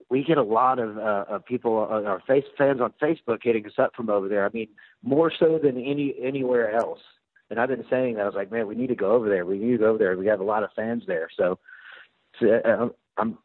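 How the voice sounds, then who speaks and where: A man's voice: mid-range voice, no room sound. A man with an American accent chatting casually as an interview guest, laid-back and informal with hesitant phrasing, over a phone call. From United States. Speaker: interview guest, rock drummer. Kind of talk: casual chat. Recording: tinny, band-limited phone line.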